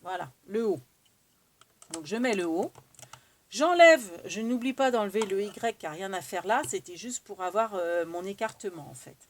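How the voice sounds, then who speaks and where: A woman with a French accent talks viewers through a hands-on craft demo in a loose, chatty way. She thinks aloud as she works, filling pauses with little asides, at a middling pitch. A faint noise sits under the recording. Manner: chatty, thinks aloud while working, many fillers. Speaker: craft tutorial host. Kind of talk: casual craft demonstration.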